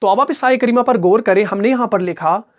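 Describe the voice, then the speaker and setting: Patient male tajweed teacher, Urdu-speaking. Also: sits high. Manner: patient, repeats each example slowly; asks questions and answers them himself. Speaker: Quran recitation teacher. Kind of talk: step-by-step tajweed lesson.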